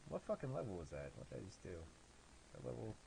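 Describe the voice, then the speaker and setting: A man's voice: fairly low pitch, huge pitch swings, fast, gravelly, mellow, a little hiss or hum, low-quality recording. A man from the American Midwest with a nasal voice, giving sarcastic, profane, self-deprecating commentary on a game he made. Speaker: game developer. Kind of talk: gameplay commentary.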